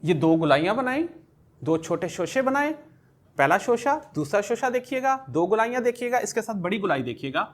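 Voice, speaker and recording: A man's voice: high voice, sing-song, moderate pace. Patient man teaching letters to small children. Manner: patient, repeats each letter sound several times; talks through each pen stroke step by step. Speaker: kindergarten teacher. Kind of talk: alphabet writing lesson for young children.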